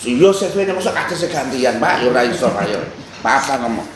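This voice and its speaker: A man speaking at a council hearing, halting and pausing, sometimes turning to question others in the room. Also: medium pitch, lively intonation. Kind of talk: spontaneous public address. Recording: echoey room with faint background noise.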